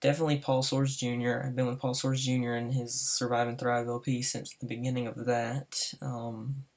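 Talking over his gameplay while applying to a server, this Southern US teen of fifteen hesitates a lot and comes across as nervous. His mid-range voice carries vocal fry, with a level tone and a moderate pace, in a casual voice-over style.

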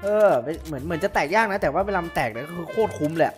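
A man giving casual, excitable commentary while playing an online slot game, often cursing at the results. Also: a little high, rapid-fire, soft background music.

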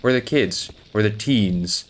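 A gaming YouTuber with a fairly low voice plays a horror game at a moderate pace for a let's play. He jokes nervously as he goes and chats to his in-game dog.

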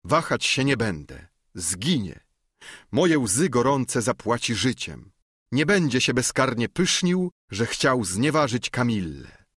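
A man voicing an impassioned young noblewoman who feigns fury, with vehement, declamatory outbursts, raised above his own pitch. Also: sing-song, slow, a bit bright, breathy edge, no echo, clean studio sound, full character voice. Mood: distraught.

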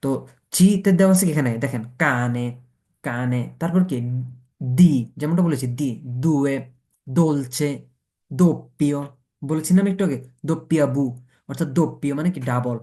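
A man with a slightly high, mellow voice teaches a beginners' Italian pronunciation class in Bengali at a moderate pace with long pauses. He goes letter by letter, asking and answering his own questions.

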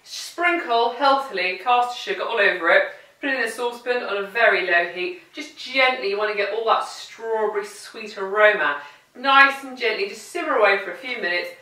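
A woman's voice: medium pitch, normal speed, sharp tone. A woman presenting a cooking demonstration, chatty and playful, talking to the food as she goes. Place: home kitchen. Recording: roomy kitchen, mic at a distance.

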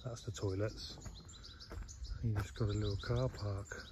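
A man's voice: on the low side, steady tone, measured pace, very noisy. A middle-aged man vlogging casually as he walks around outdoors and through a small stone church, chatting with many restarts, filmed on a handheld camera at arm's length. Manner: chatty, rambling, often restarting sentences. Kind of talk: casual walking vlog chat.

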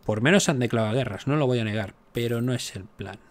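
A man talks through his strategy game in a casual let's-play style. He chats and jokes as he goes, throwing exasperated asides at the game. His voice sits at an ordinary middle pitch. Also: quick pace. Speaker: gaming YouTuber.

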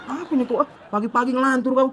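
A woman's voice: high-pitched, fast talker, a little hiss or hum, close to an everyday voice. A woman playing a young husband with a Medan accent who keeps pleading and protesting against his jealous wife in a comedy sketch. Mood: defensive. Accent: Medan Indonesian.

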